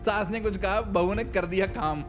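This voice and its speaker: A man with a fairly high voice hosts a reaction video as a matchmaker. He talks straight to viewers in casual commentary and explains what they should take from each clip. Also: normal speed, over music. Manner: explaining, advising viewers directly.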